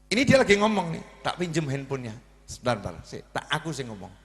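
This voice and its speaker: A man's voice: on the high side, fast. A man with a Javanese accent preaching a humorous sermon, telling stories and acting out the dialogue himself. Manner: lively storytelling, acting out dialogue. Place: religious gathering hall. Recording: long reverb in a large hall.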